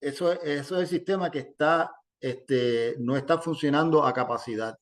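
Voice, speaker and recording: A middle-aged man, a gynecologist giving calm advice in a casual educational talk, with many fillers. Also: fairly high pitch, normal speed. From Puerto Rico. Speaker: gynecologist guest.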